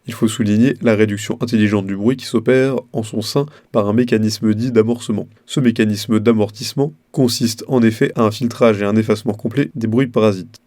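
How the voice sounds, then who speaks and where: Male narrator for scripted product review: dark, mellow tone, formal read delivery, dry sound. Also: on the low side, no echo.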